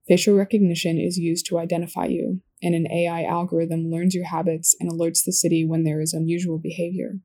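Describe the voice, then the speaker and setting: A woman reading a scripted second-person story in a calm, even storytelling manner. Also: lowish voice, fairly quick, few pauses, slightly rough. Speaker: narrator.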